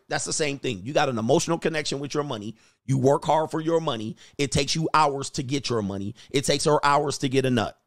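A man's voice: fairly high pitch, a bit bright, dry recording, studio quality. A man hosting a casual reaction show, telling jokes in slang, acting out quotes and laughing often. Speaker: commentary channel host.

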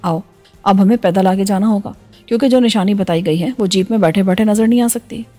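Woman narrator as a composed spy leader, plain and assured, mellow voice. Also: mid-range voice, brisk, soft background music, natural voice. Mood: calm. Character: calm, confident male agent leading a team.

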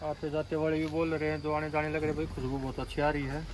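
A man's voice: fairly high pitch, little pitch movement, fast talker. A man on a road trip chatting casually outdoors by a car at night, chiming in with short remarks. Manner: easygoing, chimes in with short remarks. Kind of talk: casual travel vlog chat. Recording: outdoor street noise.

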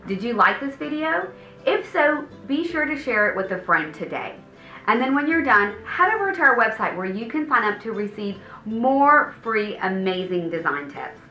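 A woman's voice: on the high side, sing-song, normal speed, pushed and bright. A woman in her thirties hosting a home design video, giving a polished, upbeat scripted presentation to camera. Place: indoor studio set with paneled wall. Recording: roomy echo, faint background music.

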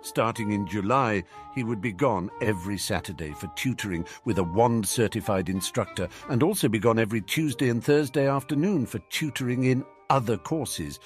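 A man narrating a fan-fiction audiobook with expressive storytelling. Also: lowish voice.

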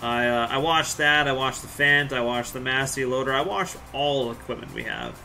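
A man's voice: mid-range voice, normal speed, creaky, pushed and bright, a little hiss or hum. A man, live streaming a farming game and chatting casually with viewers in a rambling, joking way. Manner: laid-back, rambling, joking with chat.

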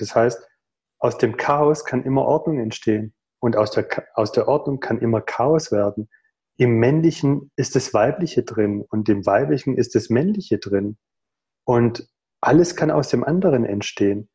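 Man in his thirties on a video call, mellow and warm, thoughtful and earnest delivery with pauses. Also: mid-range voice. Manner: thoughtful, earnest, rhetorical questions, many pauses. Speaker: guest in a video call conversation. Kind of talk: reflective conversational explanation. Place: home room.

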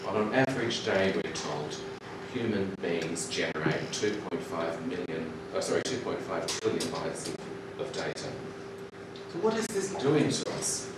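A middle-aged man delivers a reflective conference keynote from a podium, his voice low and unhurried, with the odd um and restart. He sounds distant, carried through a big, echoing lecture hall. A loud, steady hiss of noise sits under everything. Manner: measured, reflective, with restarts and ums. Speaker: keynote speaker. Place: large lecture hall, indoors. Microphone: podium mic, recorded by far camera.

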